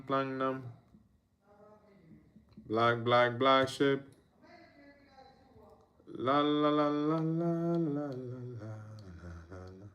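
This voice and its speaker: This watchalong streamer, a young Nigerian man, has a medium-pitched voice with a fairly bright tone. While a football match plays live, he talks casually, voices viewer comments, chuckles, and hums along under his breath.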